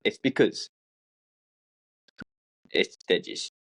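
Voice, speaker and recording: A man's voice: drawn-out words, fairly bright tone. A young man chatting casually on a podcast, laid-back and reflective, with casual swearing. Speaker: podcast co-host. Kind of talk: casual chat.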